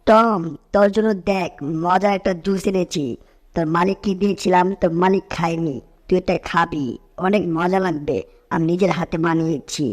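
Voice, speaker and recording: A woman's voice: lowish voice, fairly even intonation, normal speed, a little mellow, dry recording, studio quality, close to an everyday voice. A woman voicing Jerry, a cheeky, scheming cartoon mouse who taunts and teases. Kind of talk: cartoon dub acting.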